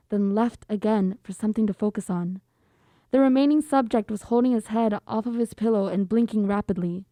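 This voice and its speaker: A woman's voice: on the high side, dark tone, no room sound. A woman hosting a podcast, reading a horror story aloud steadily and chatting casually with guests. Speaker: podcast host.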